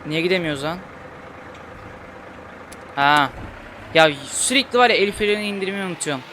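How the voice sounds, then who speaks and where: A young man giving casual commentary while playing a game, chatty and quick to get frustrated and swear at it. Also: high-pitched, lively intonation, pushed and bright, slight background noise. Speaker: gaming YouTuber. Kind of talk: casual Let's Play commentary.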